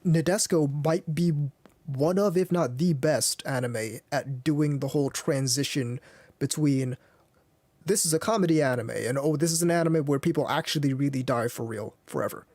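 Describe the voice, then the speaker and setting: A man hosting an anime podcast in casual chat, talking in halting bursts with many restarts. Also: on the high side, a little mellow, no echo. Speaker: podcast host.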